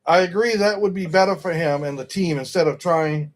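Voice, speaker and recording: Talking a little fast in a slightly high voice, a middle-aged stream host rambles casually about football, airing his opinions and frequently correcting himself.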